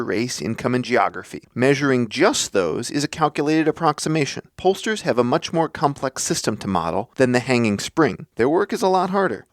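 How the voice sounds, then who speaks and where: A man hosting a podcast, delivering a scripted explanatory monologue in a measured, deliberate way. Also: mid-range voice, dry recording, clean studio sound. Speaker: podcast host.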